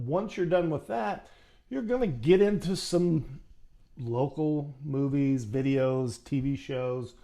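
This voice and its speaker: A man's voice: a little high, warm tone. A man coaching would-be actors in a casual, folksy how-to talk, addressing the viewer directly. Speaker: acting coach.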